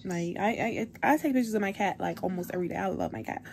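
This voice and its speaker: A woman's voice: mid-range voice, fast talker, a little hiss or hum. A young woman vlogging, telling a story casually with lots of slang and swearing. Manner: animated, profane, slangy storytelling.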